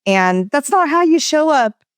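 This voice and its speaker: A woman speaking as a guest expert in a conversational interview, shifting her tone, speed and pitch as she talks. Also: unhurried, no echo, clean studio sound. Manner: varied, expressive inflection. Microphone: studio microphone.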